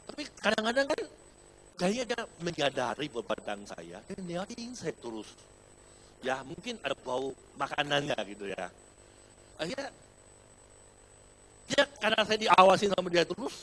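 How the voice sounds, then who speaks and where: A man's voice: fairly high pitch, moderate pace, long pauses, slight background noise. A middle-aged male pastor from Indonesia telling a personal story in a sermon, calling the congregation brothers and sisters and slipping in English words. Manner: animated storytelling, addresses congregation as saudara, mixes in English words. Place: church hall.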